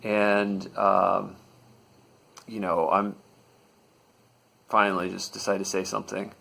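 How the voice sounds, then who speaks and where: Dry, gravelly male storyteller. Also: low voice, flat delivery, slow, bright, forceful tone. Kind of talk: comedic personal storytelling.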